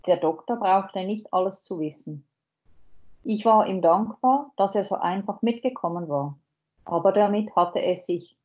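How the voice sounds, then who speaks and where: A woman's voice: medium pitch, muffled recording. A woman teacher with a Dutch accent reading a German novel aloud to a class and stopping to explain words. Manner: slow, pauses to explain words.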